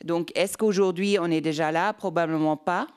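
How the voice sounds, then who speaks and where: A woman speaking unscripted at a round-table discussion, deliberate and hesitant, repeating words as she formulates her point. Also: fairly low pitch, fairly even intonation, darkish tone, clean tone. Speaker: panel speaker.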